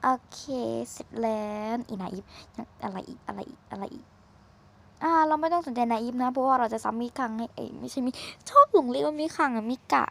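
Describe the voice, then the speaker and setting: A woman's voice: on the high side, expressive, fairly quick, gravelly. A woman giving casual, chatty commentary while playing a video game, teasing and exclaiming as she goes, recorded at a desk microphone. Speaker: gaming streamer.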